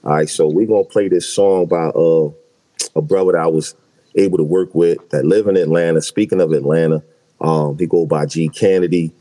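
A young adult man hosts a podcast and talks in a relaxed, slangy way, stressing his points hard. His voice is low and mellow. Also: fairly quick, poor audio. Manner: laid-back, slangy, emphatic. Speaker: podcast host. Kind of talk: casual chat.

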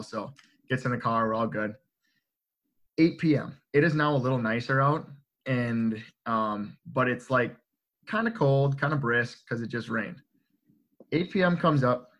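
Young adult man, bright tone, rambling animated storyteller. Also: medium pitch. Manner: animated, filler-heavy, checks in with "right?". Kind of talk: casual storytelling among friends.

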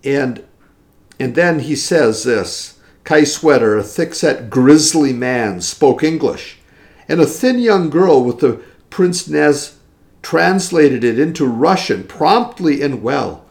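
Slow, gravelly-voiced man reading and explaining. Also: fairly high pitch, animated, darkish tone. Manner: explanatory, chuckles at the text. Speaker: teacher discussing a historical text. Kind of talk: reading aloud and commenting.

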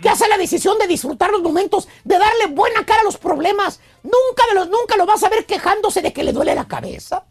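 Mujer de voz muy aguda y rasposa, gritona. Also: female voice, very high-pitched, animated, a little fast, few pauses, soft background music. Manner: shouting, teasing, storytelling. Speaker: radio comedy host. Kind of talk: comic radio rant.

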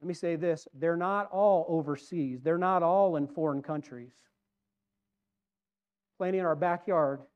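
High-voiced earnest male pastor preaching. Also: unhurried, long pauses, highs cut off. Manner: earnest preaching, swings from loud emphasis to quiet. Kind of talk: sermon. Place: church.

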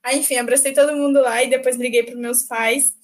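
A young woman, a new lawyer, telling a story in animated casual chat and laughing often. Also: high-pitched, fairly quick. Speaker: newly qualified lawyer, podcast guest.

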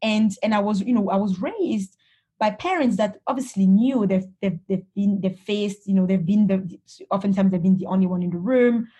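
A woman's voice: medium pitch, normal speed, warm tone, husky. A woman from Cameroon, a guest in an interview, answering reflectively with frequent restarts and "you know" fillers.

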